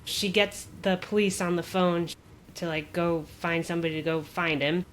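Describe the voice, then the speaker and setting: A woman co-hosting a podcast, chatting casually and retelling a story with lots of "like" and quick laughs. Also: fairly low pitch, fairly even intonation, a little hiss or hum. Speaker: podcast co-host. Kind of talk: casual chat.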